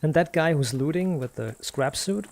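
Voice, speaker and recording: A male game streamer in a slightly higher voice who rants casually while he plays. He keeps circling back to the same rhetorical questions, defensive and full of swearing, with a faint hiss behind him. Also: animated, normal speed, gravelly, a little mellow. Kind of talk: casual ranting while playing.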